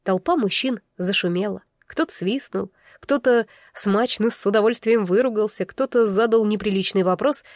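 A woman's voice: mid-range voice, normal speed, hardly any pauses, a little mellow, dry recording, clean studio sound. A woman narrating a fantasy audiobook in the first person, tense and inward.

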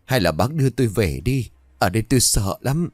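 Frightened village woman, shrill and pleading, lively swings, a man puts her on. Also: brisk, no room sound. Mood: panicky.

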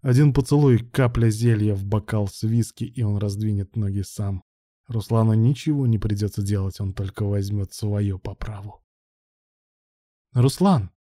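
Dark-voiced male audiobook narrator. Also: lowish voice, fairly even intonation, normal speed, no room sound, clean studio sound.

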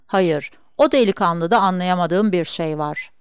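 A woman voicing a small, elderly, curious foreign male detective in an audiobook reading, measured and musing. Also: fairly low pitch, clean tone, no echo, studio quality, close to an everyday voice.

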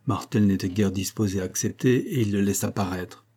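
A man reading a classic novel aloud in a measured, even narration. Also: fairly low pitch, husky. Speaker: audiobook narrator. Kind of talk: literary audiobook narration.

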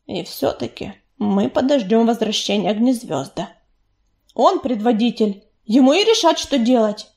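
A woman voicing a young male warrior cat from a storybook, firm and cautious, speaking in a measured way. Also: fairly high pitch, animated, darkish tone. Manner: firm, measured, at times snapping.

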